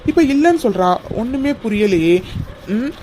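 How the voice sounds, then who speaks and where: A woman's voice: on the high side, very animated, normal speed, slight background noise. A woman voicing Vetri, a polite young man puzzled by his friend's moods, in a cartoon. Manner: polite and puzzled, soft-spoken.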